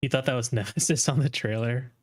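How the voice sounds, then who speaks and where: A man's voice: mid-range voice, steady tone, fairly quick. A man giving casual, off-the-cuff live commentary as a streamer reacting to game trailers.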